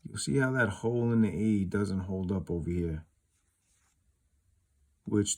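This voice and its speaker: On his own video, a collector with a medium-pitched, somewhat dark voice walks through a casual comparison. He hasn't scripted it, so he meanders while explaining, repeatedly saying "you know."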